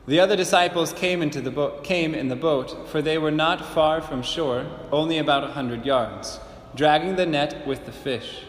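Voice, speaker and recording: A priest proclaiming the gospel and preaching a homily in a measured, earnest way, his voice carrying a cathedral echo. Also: on the high side. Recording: echoey church with long reverb, faint hiss.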